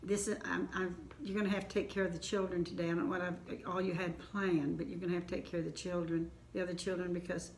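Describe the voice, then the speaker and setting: A woman voicing a mother in labor who is calm and sure of herself, stumbling a little over her words. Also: fairly low pitch, quick pace, few pauses, slight background noise, lightly acted, low-quality recording. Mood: determined.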